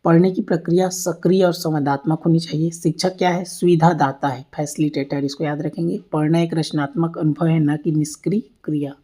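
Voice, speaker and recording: Lady teacher going over exam notes, low mellow voice, keeps asking then answering herself. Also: fairly even intonation, brisk, hardly any pauses. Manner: asks and answers her own questions, repeats key points. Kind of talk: exam-prep lecture over slides.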